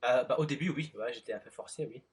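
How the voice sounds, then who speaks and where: A man from France in his thirties, interviewing a guest in relaxed chat with lots of fillers. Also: mid-range voice, fast, very noisy. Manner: relaxed, many fillers and short backchannels.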